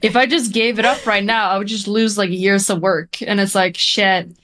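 A woman's voice: mid-range voice, steady tone, fairly quick, fairly bright tone. Woman from Europe, podcast host, casual chat, laughs a lot, acts out quotes. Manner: laughing, chatty, quotes people in mock voices.

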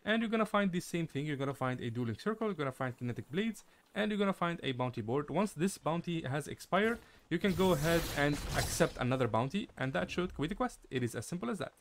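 A man's voice: a little high, lively intonation, fast talker, few pauses, slight background noise. A young man giving a casual, filler-heavy walkthrough of a video game, talking to his viewers. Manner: chatty, lots of fillers, addresses viewers as guys. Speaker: gaming guide creator.

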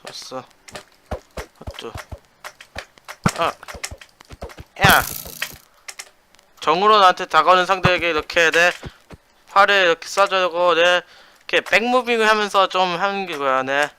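Bright-voiced young man yelling through game fights. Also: sits high, moderate pace, pauses often, a little hiss or hum. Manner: chatty, says "네" after nearly every phrase, yells in fights. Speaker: gaming channel host. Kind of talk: Minecraft PvP commentary.

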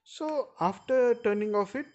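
A man's voice: very high-pitched, unhurried, a little mellow, lo-fi sound. A man with an Indian accent hosting an informal screen-share tutorial, explaining step by step and often addressing his viewers directly. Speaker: video host.

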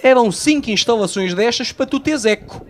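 Brisk and very high-pitched, a European Portuguese comedian in his thirties performs stand-up live outdoors at night on a small stage. He acts out quoted voices as he tells lively stories into a handheld microphone, with slight background noise.

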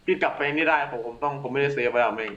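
A man's voice: mid-range voice, racing, lo-fi sound, a crowd in the background. A young man playing along with the host, talking casually, repeating his words and using crude slang. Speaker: gaming co-player. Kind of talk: casual gameplay chat.

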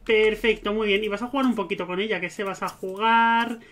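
A man's voice: high-pitched, fairly even intonation, brisk, fairly bright tone. A man giving casual gameplay commentary, chatting to his game characters. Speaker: let's play gamer.

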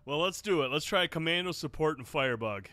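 Bright, playful man co-hosting a game stream. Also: fairly high pitch, lively intonation, fairly quick, dry recording. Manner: playful, joking. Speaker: let's play co-host. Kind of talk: casual gaming chat.

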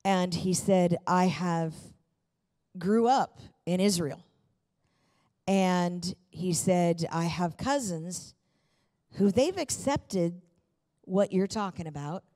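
Her voice fairly low and dark, a middle-aged woman pastor preaches slowly, pausing often, into a handheld microphone on stage in a large church auditorium. She tells personal stories with fervent emphasis and repeated phrases.

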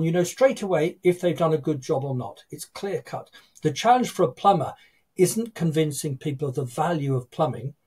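Older guy on a webcam call, husky voice, a bit high, chatty storyteller. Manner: lively storytelling, acts out quoted people. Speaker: guest copywriter. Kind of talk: casual interview chat. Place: home office with bookshelves. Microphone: video call webcam.

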